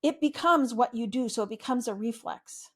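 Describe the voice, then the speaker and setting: Woman, therapist, gentle, soothing, reflective, slightly high voice, podcast interview. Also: normal speed.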